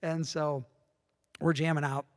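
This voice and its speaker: An unhurried, fairly high-pitched middle-aged man recounts stories casually as an interview guest, performing snippets of dialogue with real liveliness. The room adds a long reverb to everything he says.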